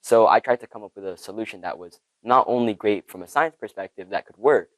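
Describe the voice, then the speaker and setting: A man's voice: fairly low pitch, a little fast, no echo, low-quality recording. A teenage boy from Ethiopia answering interview questions, eager and thoughtful. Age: teens. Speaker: student inventor.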